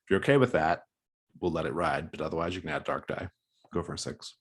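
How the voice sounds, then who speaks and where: Male game master, deep and slightly husky, improvising tabletop narration in a halting, thoughtful flow. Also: lively intonation. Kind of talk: running a tabletop role-playing game.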